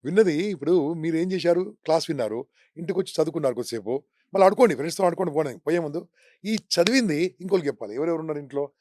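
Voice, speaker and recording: A man giving animated career advice in an interview, full of rhetorical questions and English words. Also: fairly high pitch, rapid-fire, slight background noise. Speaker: career trainer.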